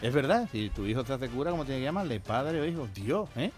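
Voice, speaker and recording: A man with an Andalusian accent telling jokes on a radio show, animated and laughing at his own punchlines. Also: mid-range voice, fast, faint music behind. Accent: Andalusian Spanish. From Andalusia, Spain. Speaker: joke-telling radio guest.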